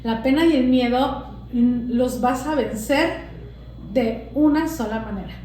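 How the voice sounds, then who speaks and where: Woman teacher explaining stuff with examples, kinda high voice, mellow tone, super echoey room. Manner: explanatory, gives examples, pauses to find words. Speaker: English teacher, podcast guest. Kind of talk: casual conversational interview. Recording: very echoey room with faint noise.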